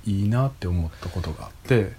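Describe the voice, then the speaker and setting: A man's voice: low voice, animated, fast talker, mellow, breathy edge. A man with an Osaka accent, co-hosting a casual talk and reading passages aloud. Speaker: co-host.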